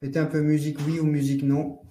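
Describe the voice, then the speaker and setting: A man presenting a live online training for parents, explaining in a loose, halting way full of fillers and restarts. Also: fairly high pitch, little pitch movement, dark tone, far from the mic. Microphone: computer mic in a webinar. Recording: roomy echo.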